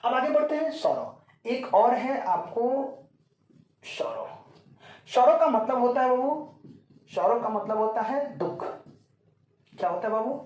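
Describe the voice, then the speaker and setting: A man's voice: very high-pitched, sing-song, darkish tone, distant mic. Man teaching grammar in an echoey room. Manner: explains slowly, repeats key points, checks "clear?". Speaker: English teacher. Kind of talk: classroom grammar lesson.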